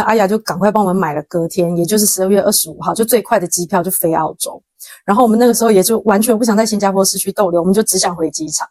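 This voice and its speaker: A young Taiwanese woman hosts her own podcast, telling a story at a rapid clip and acting out the lines of the people in it. Her Taiwanese Mandarin accent comes through plainly, and the close mic sounds dry, with no room around her. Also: mid-range voice, dry recording. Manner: animated, dramatic retelling with quoted dialogue and slang. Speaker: podcast host. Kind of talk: casual storytelling monologue.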